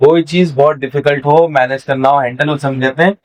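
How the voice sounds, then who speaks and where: A man's voice: on the high side, fairly even intonation, brisk, rough recording. A young man teaching a casual vocabulary lesson, quizzing and teasing his student in a playful way.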